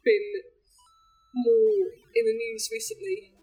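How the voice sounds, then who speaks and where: A woman's voice: very high-pitched, sing-song, takes it slowly, mellow, soft background music. A woman co-hosting a gaming podcast, plain-spoken and firm, who is losing her voice. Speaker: podcast co-host. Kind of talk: casual chat.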